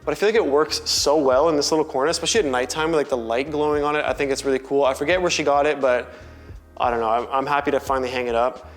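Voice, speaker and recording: A young man, casually talking through a tour of his loft apartment in a relaxed way, with lots of filler words. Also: mid-range voice, fast, faint music behind. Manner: chatty, relaxed, full of "like" and "um" fillers. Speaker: vlogger giving a home tour. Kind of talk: casual home tour talk. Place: large loft apartment indoors.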